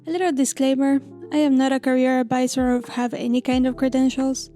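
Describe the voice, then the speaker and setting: 30s woman from argentina, higher-ish voice but kinda flat, story time narration, lo-fi music playing under it. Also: brisk. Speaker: illustrator and channel host.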